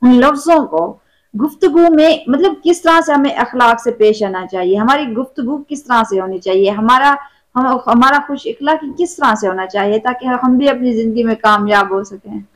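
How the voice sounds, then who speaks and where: Female interviewer host, high voice, formal questioning. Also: normal speed, rough recording.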